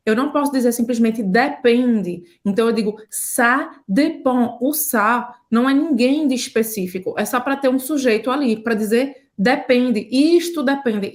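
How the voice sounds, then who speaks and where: A woman's voice: fairly high pitch, darkish tone. A woman, teaching French in a casual video lesson and explaining pronunciation patiently. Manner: patient, explanatory, repeats sounds slowly.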